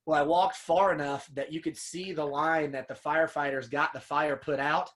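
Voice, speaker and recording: Fairly high-pitched and a bit bright, with a steady tone and normal speed, this podcast guest tells hunting stories in a casual storytelling interview. He's an upland hunter and dog kennel owner, earnest and emotional, and says "man" and "dude" a lot.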